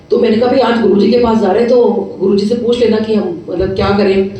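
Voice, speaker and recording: A middle-aged woman, a dentist, telling a devotional testimony in a lively storytelling way, acting out the voices she quotes and slipping in English phrases. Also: on the high side, a little hiss or hum. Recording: echoey room, mic at a distance.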